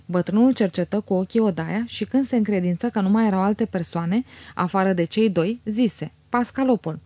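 Woman with a mellow, dry narrating voice. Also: medium pitch, dry recording. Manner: steady, measured storytelling. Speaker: audiobook narrator. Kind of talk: scripted audiobook narration.

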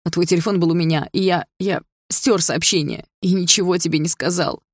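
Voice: medium pitch, fairly even intonation, brisk, dry recording, clean studio sound, close to an everyday voice. An audiobook reader voicing a nervous young man who pleads and justifies himself. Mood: pleading. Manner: pleading, flustered. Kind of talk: audiobook dialogue.

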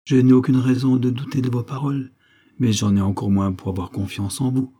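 A man's voice: mid-range voice, steady tone, fairly quick, warm tone, natural voice. A man voicing a poised, ironic young foreign woman who teases her suitor. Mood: teasing. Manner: mocking, poised, teasing.

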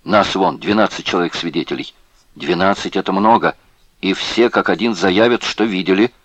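A tired male prisoner urges his comrade in a hushed tone, as a man reads him in an audiobook. His voice is deep and low. The sound is close and dry. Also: normal speed, dry recording. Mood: urging. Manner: hushed, urging.

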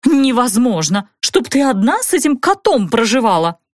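A woman reading an audiobook voices a hysterical, self-pitying young noblewoman with shrill, sobbing outbursts. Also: very animated, normal speed, no echo, clean studio sound. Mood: tearful.

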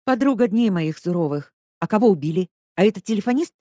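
A reader voicing a dramatic, easily panicked young woman who complains in shrill outbursts. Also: lively intonation, fast talker, mellow, dry recording, studio quality, lightly acted. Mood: agitated.

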